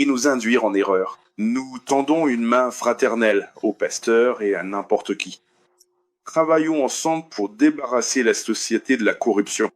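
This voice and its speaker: Man from the US, debate speaker, mid-pitched voice, earnest, addresses the crowd directly, repeats lines for emphasis. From United States. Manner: hesitant fillers while finding verses. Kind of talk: debate speech to an audience.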